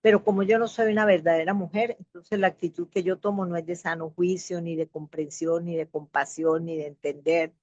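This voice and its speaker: A woman's voice: on the low side, steady tone, a little fast, few pauses, darkish tone. Candid woman sharing her recovery. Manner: candid, emotional, quoting others vividly. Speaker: Alcoholics Anonymous speaker. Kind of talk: personal testimony talk. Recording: slightly dull lo-fi sound.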